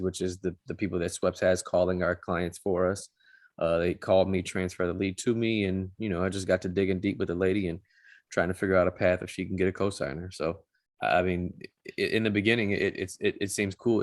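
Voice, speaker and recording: Fast-talking low-voiced man. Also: no room sound, studio quality. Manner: blunt, folksy advice with many restarts. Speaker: mortgage loan officer. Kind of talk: casual panel discussion.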